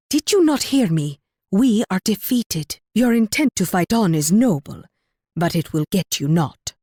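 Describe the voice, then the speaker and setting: An actress playing a proud, flirtatious Spanish warrior queen in a video game, with a regal, teasing and measured delivery. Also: mid-range voice, mellow, no room sound, studio quality. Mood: grim, resigned.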